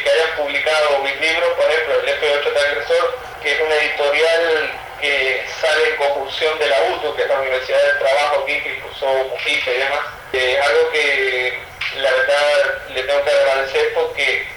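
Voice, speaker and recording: A young man from Cuba with a Cuban Spanish accent, a writer answering interview questions thoughtfully and pausing often on fillers. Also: on the high side, little pitch movement, sharp tone, recorded from a distance. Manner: thoughtful, with frequent hesitations and fillers. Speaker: writer and poet, guest. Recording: roomy sound, from the mic, faint noise.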